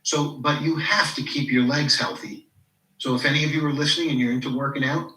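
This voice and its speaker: A man in his fifties who works as a coach appears as a podcast guest, his mid-range voice pushed and bright. The low-quality recording sounds roomy and distant, and he tells personal stories reflectively in casual interview talk, relying on "you know" and acting out quoted people.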